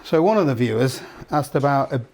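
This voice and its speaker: A man's voice: medium pitch, animated, brisk, darkish tone. Chatty man talking camping gear. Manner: chatty, jokey, thinks aloud with restarts. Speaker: host. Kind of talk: casual gear chat.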